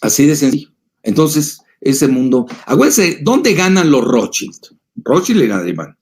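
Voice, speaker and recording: A man's voice: on the high side, very animated, a little slow, darkish tone, husky. A man, an older analyst, answering audience questions in a digressive, emphatic lecture style with many filler sounds.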